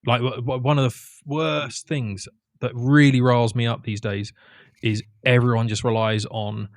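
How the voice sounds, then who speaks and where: A man's voice: medium pitch, level tone, moderate pace, no echo, studio quality. A man co-hosting a casual podcast chat, talking emphatically and restarting his sentences when worked up. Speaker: podcast co-host.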